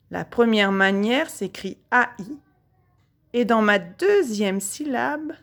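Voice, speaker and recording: A woman teacher with a French accent giving a phonics lesson to young children, drawing out each sound slowly and deliberately. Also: medium pitch. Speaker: primary school teacher.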